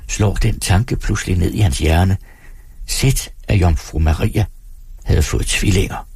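A man reading a story aloud in a measured, expressive way. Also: lowish voice, gravelly, husky, no room sound. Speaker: narrator.

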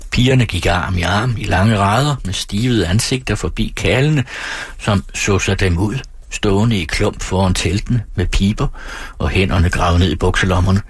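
Casting: male audiobook narrator, deep husky voice, measured storytelling, dry close sound. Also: dry recording. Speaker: audiobook reader. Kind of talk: scripted literary narration.

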